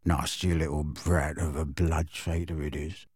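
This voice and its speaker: A man voicing a very old, bitter house elf servant in an audiobook, muttering spitefully in a hoarse, deep croak. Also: level tone, darkish tone, no room sound, clean studio sound, full character voice. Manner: muttering under his breath, slow and doggedly resentful. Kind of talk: audiobook character voice.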